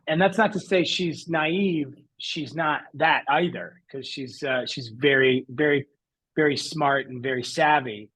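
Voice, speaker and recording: A man's voice: medium pitch, a bit bright, husky, poor audio. Earnest man telling a personal story. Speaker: interview guest. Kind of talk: conversational interview.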